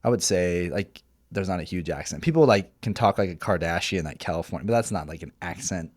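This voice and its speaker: Low-voiced joking male podcast co-host. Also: animated, brisk, darkish tone, no echo, clean studio sound. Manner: joking, laughs often, slips into put-on accents. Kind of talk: casual chat.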